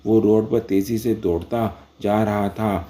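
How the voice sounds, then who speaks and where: A man narrating a dramatic story in a steady, scripted reading. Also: fairly low pitch.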